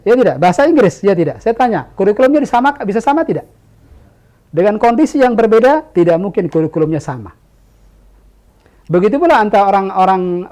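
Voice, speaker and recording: A man who grew up speaking Indonesian, teaching an Arabic class, who keeps asking his students questions and answering them himself. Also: sits high. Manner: animated, stresses key words. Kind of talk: classroom lecture.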